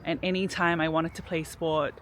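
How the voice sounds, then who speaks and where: A woman's voice: deep voice, level tone, normal speed, slight background noise. Chatty New woman vlogging outdoors. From New Zealand. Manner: reflective, chatty, frequent "like" fillers. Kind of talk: casual personal storytelling. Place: outdoors in a city park.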